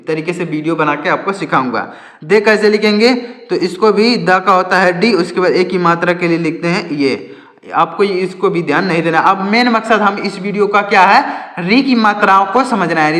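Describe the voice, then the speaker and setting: A man teaching English spelling to Hindi speakers, slowly and repetitively, asking questions and answering them himself. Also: high voice, fairly bright tone. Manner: slow, repetitive explaining, asks and answers own questions. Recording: echoey room, long reverb.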